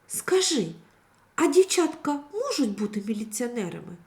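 Lady voicing a bold excited little girl from a storybook, high and squeaky. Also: normal speed. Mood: curious.

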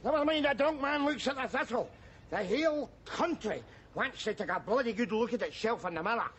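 A mouthy middle-aged Glasgow man rants in a broad Glaswegian Scottish accent, his fairly high voice swooping wildly between sarcastic jeers and shouts. It is a TV sitcom scene with a lot of noise from the outdoor location behind him. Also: animated, fairly quick. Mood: ranting. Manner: ranting, sarcastic, bursts of jeering shouts. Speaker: sitcom lead character. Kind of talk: television sitcom acting.

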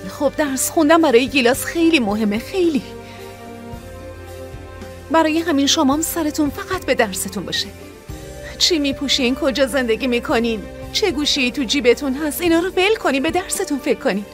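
A woman's voice: high-pitched, lively intonation, over music. An actress dubbing a young woman who raises her siblings, scolding and urging her sister in earnest. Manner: pleading then scolding, earnest. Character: young woman raising her siblings, caring but firm. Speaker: older sister. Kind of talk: Persian dub of a TV drama.

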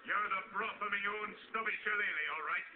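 A man voicing a jolly drunken Irish father, the town drunk, in an animated comedy, with an Irish accent. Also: high voice, fairly quick, natural voice. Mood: hearty. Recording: tinny TV audio re-recorded, music behind.

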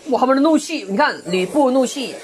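A woman doing excitable live gameplay commentary, full of exclamations and mild curses. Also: high voice, brisk, slight background noise. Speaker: game streamer.

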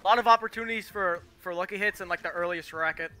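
A young man commentating his speedrun race as he plays, with excited bursts of cheering. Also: high-pitched, fast talker, faint music behind. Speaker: speedrunning gamer.

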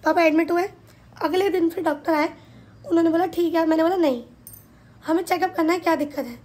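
A woman's voice: very high-pitched, brisk. A woman vlogger in a home kitchen, telling a family story casually and acting out what people said. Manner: animated, retells events with quoted dialogue.

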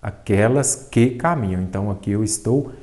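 Brazilian man teaching, mellow voice. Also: lowish voice, normal speed. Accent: Brazilian Portuguese. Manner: explanatory, asks and answers his own questions. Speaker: Portuguese teacher. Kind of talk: exam-prep grammar lesson.

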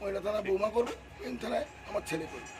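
A man's voice: high-pitched, expressive, racing, vocal fry, a little mellow. An older man with a West Bengal Bengali accent, a former councillor, agitatedly recounting an attack on his home to a reporter. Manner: agitated, acts out the quarrel in quoted speech. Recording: noisy outdoor street recording.

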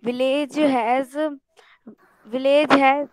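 A woman learner with a North Indian accent and native Hindi gives a halting practice talk. She speaks slowly, repeating the starts of phrases. The sound is close and dry. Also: sits high, steady tone, no room sound. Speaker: English learner in an online class.

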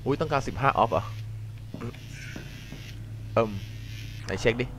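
A man commentating a video game playthrough in an excitable way, cursing and shouting out loud, with a slight cold. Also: mid-range voice, unhurried, slight background noise. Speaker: gaming channel host. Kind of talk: let's-play commentary.

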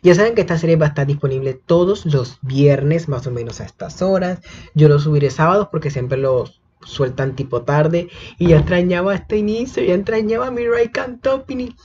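A man reacting to a show at home late at night, excitable and swearing often, with sudden shrieks. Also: fairly high pitch, slight background noise. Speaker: reaction video host. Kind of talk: casual reaction commentary. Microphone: built-in computer microphone. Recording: dull lo-fi laptop mic with show music playing.

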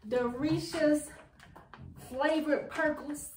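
High-voiced upbeat woman co-host. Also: fairly even intonation, takes it slowly, darkish tone, slight background noise. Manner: upbeat, chatty presenter. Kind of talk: casual taste-test chat. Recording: echoey room, distant mic.

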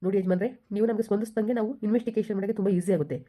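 A woman's voice: mid-range voice, fairly even intonation, very fast, warm tone, lightly acted. A woman playing a firm male police officer questioning villagers in a village drama.

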